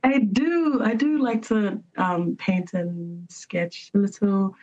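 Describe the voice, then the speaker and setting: A woman guest answers calmly and in measured phrases. Her voice is a little husky, and the sound is dull and lo-fi. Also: mid-range voice. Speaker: poet and guest. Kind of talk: casual interview chat. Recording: dull lo-fi line.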